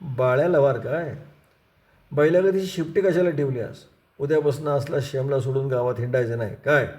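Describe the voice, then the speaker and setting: A man voicing a domineering village strongman with a whip, who shouts threats in rough rustic speech. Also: mid-range voice, moderate pace, natural voice. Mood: mocking, stern.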